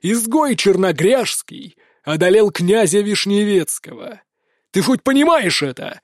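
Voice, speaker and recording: A man's voice: fairly high pitch, animated, moderate pace, darkish tone, dry recording. Man voicing a harsh domineering prince-father, barking and cold; dry close audiobook read. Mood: angry. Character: stern, domineering middle-aged prince and father.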